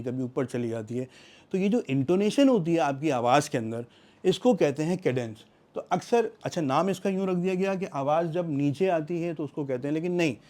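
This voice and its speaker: A middle-aged man explaining English vocabulary in a lesson, reading English example sentences slowly and deliberately. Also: fairly high pitch, mellow.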